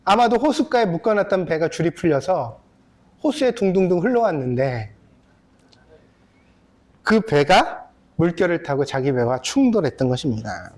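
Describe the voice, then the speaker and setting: At normal speed and with a voice on the high side, a pastor in his fifties tells stories from the pulpit of a church sanctuary. He addresses the congregation head-on and brings each character to life with animated acting.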